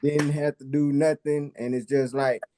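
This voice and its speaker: A man's voice: a little high, little pitch movement, moderate pace, dark tone. A man on a discussion panel talking casually in a drawling, slangy way.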